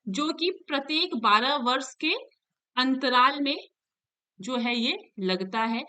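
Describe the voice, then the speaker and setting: A woman's voice: sits high, pushed and bright, smooth. A woman teacher walks students through an exam paper, explaining each answer and often checking in with them. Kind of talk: exam paper walkthrough lesson.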